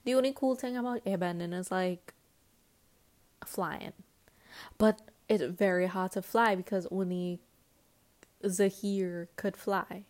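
Speaking slowly at a medium pitch and pausing often, this podcast host talks on her own in a loose, chatty way. She giggles, gets excited, and leans heavily on filler words.

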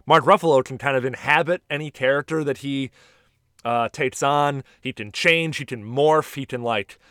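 A man in his thirties hosting a podcast, an animated storyteller who swears casually. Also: medium pitch, moderate pace, smooth, dry recording, studio quality. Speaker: podcast host and stand-up comic. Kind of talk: casual chat.

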